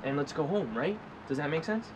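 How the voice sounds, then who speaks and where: A man's voice: a little high, lively intonation, a little fast, slight background noise, natural voice. An actor playing a nervous young male actor who stammers and hesitates. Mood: unsure.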